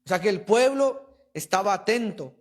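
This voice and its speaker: High-voiced man preaching emphatically. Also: expressive, normal speed. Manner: emphatic preaching, addresses listeners as brother. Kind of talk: sermon. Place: church.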